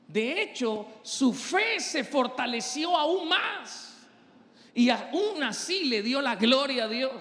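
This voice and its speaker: A man's voice: extremely high pitch, fairly bright tone, long reverb tail. A male pastor preaching an impassioned sermon and acting out the voices of the people he quotes.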